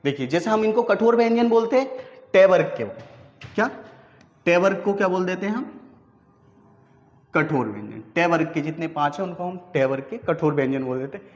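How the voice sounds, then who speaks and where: A man's voice: sits high, animated, a little fast, pauses often. A male teacher giving a classroom lesson, who keeps asking his students questions and then answering them himself. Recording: echoey room, dull lo-fi sound.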